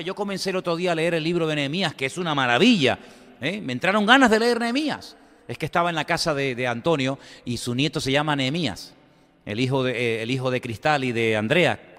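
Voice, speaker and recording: A man preaching a sermon in a conversational storytelling manner, swinging between loud emphatic lines and quiet asides. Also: medium pitch. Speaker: pastor. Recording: long hall reverb.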